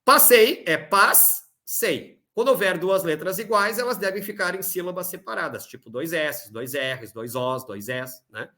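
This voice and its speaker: A man from southern Brazil with a gaúcho accent, teaching a recorded Portuguese grammar lesson, explaining step by step and slowing to spell out examples. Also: on the high side, a bit bright. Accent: Rio Grande do Sul Brazilian Portuguese. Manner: explanatory, tag questions, slows to spell out examples. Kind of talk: recorded exam-review lesson.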